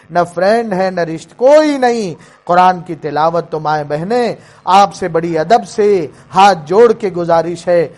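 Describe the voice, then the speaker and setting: Emotional male preacher, high voice. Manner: pleading, emotive storytelling. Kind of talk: emotional sermon.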